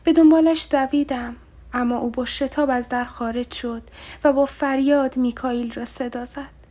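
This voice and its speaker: A woman's voice: sits high, fairly even intonation, mellow. A woman narrating a romantic novel as an audiobook, reading the dialogue with feeling. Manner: emotive, voices dialogue with rising intensity.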